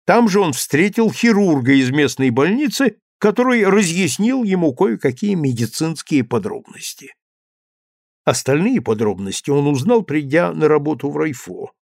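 A man reading a novel as an audiobook narrator, in measured, deliberate storytelling phrases with a dramatic touch. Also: a little high, very animated, gravelly, a little mellow, dry recording, studio quality.

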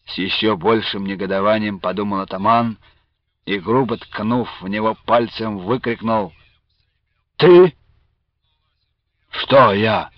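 A man reading a story aloud as scripted narration, measured and theatrical, in a dull lo-fi radio recording. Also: lowish voice, fairly even intonation, no room sound. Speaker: reader.

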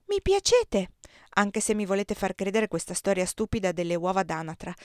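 A woman's voice: medium pitch, very animated, normal speed, dry recording, studio quality, natural voice. A woman reading aloud, voicing a cheeky, chatty little princess girl in a storybook reading. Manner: bright chatty child voice.

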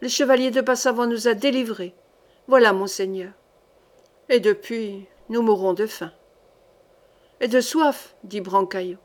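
A woman's voice: fairly high pitch, measured pace, long pauses, natural voice. Woman voicing a frightened rambling henchman. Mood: fearful pleading. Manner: rambling, dramatic storytelling. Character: frightened male henchman pleading with a duke.

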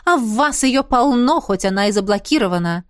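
A woman's voice: fairly high pitch, animated, a little fast, no echo, studio quality, lightly acted. A woman voicing a proud, ghostly fairy queen in an audiobook, speaking in a commanding way. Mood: explaining.

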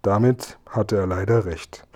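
A man calmly narrating a children's story as a scripted audiobook reading. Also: fairly low pitch, a little slow.

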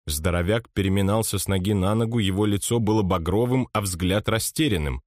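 A man narrates a thriller audiobook in a low voice. His storytelling is measured and steady. The recording is dry and close, with no room sound. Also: no echo. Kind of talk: scripted first-person narration.

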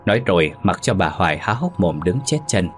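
A man narrating a ghost story in a steady, solemn manner. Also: deep voice, fairly quick, soft background music.

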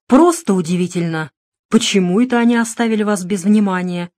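A woman's voice: mid-range voice, expressive, a little fast, darkish tone, no echo, lightly acted. A woman voicing a cool, mocking male private detective in an audiobook, speaking sternly. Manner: stern, needling. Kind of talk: audiobook narration.

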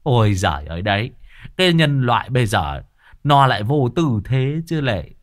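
A man's voice: mid-range voice, very animated, normal speed, lightly acted. A man voicing a scruffy, crude middle-aged exorcist who curses and grumbles. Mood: grumbling. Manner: gruff, cursing, grumbling.

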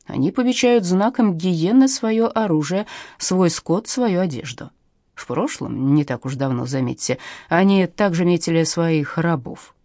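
A woman's voice: lowish voice, lively intonation, unhurried, dark tone, no echo, studio quality. Woman reading as a pompous old professor. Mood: lecturing. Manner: solemn, lecturing. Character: elderly male professor, pedantic lecturer.

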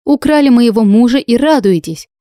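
A woman plays a brash young heroine who puts on a show. She talks loud and high with a mellow tone and a mock-innocent edge. The audiobook sound is dry and close. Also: expressive, moderate pace, no room sound, natural voice. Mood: indignant.

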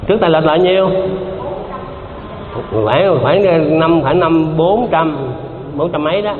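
A man's voice: a little high, animated, takes it slowly. A man giving a Buddhist dharma talk, conversational, repeating himself and quizzing his listeners. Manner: conversational, repeats himself, asks the audience questions. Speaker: Buddhist teacher. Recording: dull lo-fi hall recording with faint noise.

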